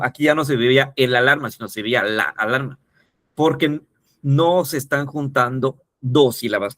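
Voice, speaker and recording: A man's voice: medium pitch, fairly bright tone, dry recording, studio quality. A man teaching a lesson, explaining step by step and often checking in with the listener. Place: teaching video.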